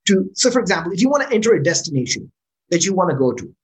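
Racing along at medium pitch, a Pakistani startup founder casually answers interview questions. There are frequent "right?" check-ins, and words get restarted in moments of excitement.

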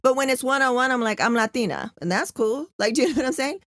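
A woman's voice: sits high, expressive, fast, fairly bright tone, dry recording, clean studio sound. A woman hosting a casual conversational interview, speaking informally with slang and often checking that the listener follows. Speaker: podcast host.

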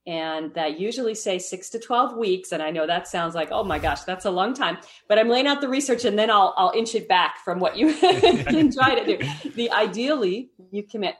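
This podcast guest has an expressive medium-pitched voice, a moderate pace and hardly any pauses. Friendly and explanatory about her meditation habits, she keeps tagging "right?" and laughing lightly.

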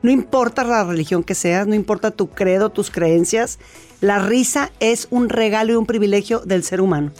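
A Mexican woman speaks as an interview guest in a chatty, storytelling way, often restarting her sentences mid-thought. Her voice sits at a middling pitch, with faint music underneath. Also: moderate pace, a little mellow. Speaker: laughter therapy expert guest. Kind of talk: conversational interview.

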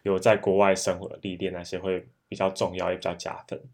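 A man's voice: low-pitched, monotone, fast talker. A young man from Taiwan, a guest in a casual interview, who talks through many fillers and keeps repeating short agreements.

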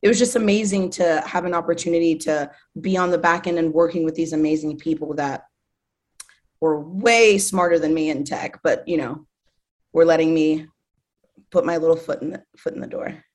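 A woman in her thirties from Zimbabwe, working as an artist manager, speaks as a guest in a casual interview conversation. Her voice is low and a little mellow, her pace moderate, and she talks enthusiastically with many fillers.

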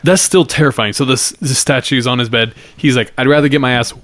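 Male co-host, casual and slangy, a bit foul-mouthed, mid pitch, recording in a wooden cabin. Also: fairly quick, fairly bright tone, dry recording. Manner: profane, slangy. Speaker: podcast co-host. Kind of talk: casual chat, storytelling banter.

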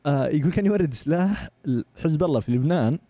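A young Saudi man with a Saudi Arabic accent telling travel stories in casual chat, animated and full of acted-out voices. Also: fairly high pitch, quick pace, no echo. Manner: animated, acts out voices in anecdotes. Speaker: guest. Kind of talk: casual storytelling.

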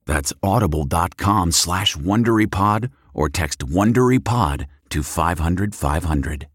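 A man's voice: low-pitched, lively intonation, a little slow, slightly rough. A man reading a scripted podcast advertisement as an announcer.

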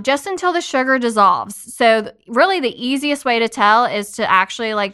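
A woman guest on a podcast, calmly explaining baking techniques as a test kitchen director. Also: mid-range voice, clear, resonant tone. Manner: calm, explanatory. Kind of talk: casual podcast chat.

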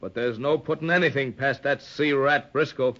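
A man's voice: medium pitch, moderate pace, a bit bright, close to an everyday voice. Guy playing brave hearty sea captain, bossy nautical talk, old radio serial, bit dull sounding. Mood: commanding. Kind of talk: old-time radio adventure serial acting.

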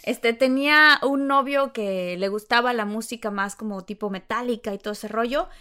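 A Mexican woman talks casually about her own life, telling stories in an animated, self-reflective way. Her voice sits a little high for a woman, and she shifts easily between anecdote and reflection. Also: moderate pace, smooth. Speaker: actress sharing her experience. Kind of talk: casual conversation.

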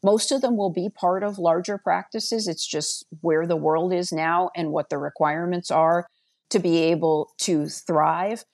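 A woman's voice: on the low side, steady tone, a little slow, a little mellow. A woman giving earnest, plainspoken interview answers as a podcast guest. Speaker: podcast guest, healthcare business executive.

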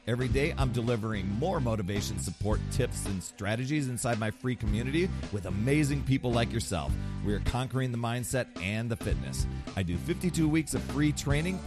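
A man hosting a motivational fitness podcast, talking with energy and rising into salesy, upbeat sign-offs. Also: mid-range voice. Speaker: podcast host and fitness coach.

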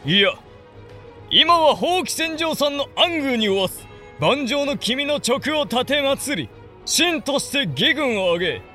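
A man's voice: extremely high pitch, sharp tone, exaggerated voice. A man playing a proud samurai commander, proclaiming grandly to his army like a town crier in a period drama. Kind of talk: period audio drama acting.

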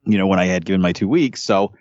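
A man's voice: deep voice, quick pace, a little mellow, no echo. A man hosting a casual podcast, upbeat and joking, with showy intros for his co-hosts. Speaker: podcast host. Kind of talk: casual chat. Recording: dull dry lo-fi mic.

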